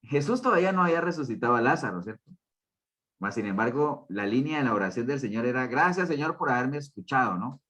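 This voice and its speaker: A man's voice: mid-range voice, lively intonation, quick pace, a bit bright. A man leading a Bible study group, teaching conversationally in loose phrases and checking in with listeners through frequent tag questions. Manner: talks in loose, restarting phrases.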